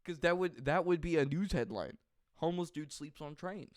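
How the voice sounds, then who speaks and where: A young man co-hosts a podcast, rambling in casual chat and poking fun at himself, often breaking into laughs. His voice is smooth and clear at a middle pitch. It is recorded close and dry. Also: moderate pace, no echo. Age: young adult. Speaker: podcast co-host.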